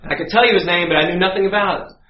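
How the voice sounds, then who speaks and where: A man telling a lively story in a sermon, acting out voices and sound effects as he goes. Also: high voice, racing. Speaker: guest preacher. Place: church sanctuary. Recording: echoey church, dull sound, faint hum.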